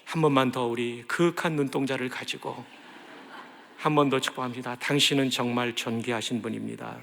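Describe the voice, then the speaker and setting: A man preaching a sermon as a pastor, leading the congregation in call-and-response and swinging between loud exhortation and soft asides. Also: medium pitch, steady tone, a little fast, creaky, a little hiss or hum. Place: large church sanctuary. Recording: long hall reverb of a large church.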